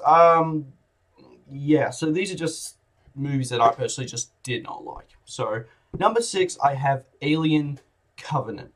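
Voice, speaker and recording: A man giving a casual video review of films, talking bluntly, swearing freely and rambling between points. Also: mid-range voice. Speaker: film reviewer.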